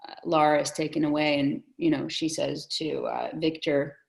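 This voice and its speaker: Low gravelly woman, thoughtful. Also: little pitch movement, moderate pace, low-quality recording. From Soviet Union. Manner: thoughtful, hedging, restarts often. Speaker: discussion guest. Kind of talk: casual film discussion.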